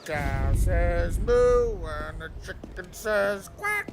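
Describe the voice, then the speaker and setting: A man's voice: high voice, animated, extremely slow, background noise, exaggerated voice. An actor playing a silly drunk man at a racetrack in a video game, slurred and swooping. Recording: loud game audio underneath.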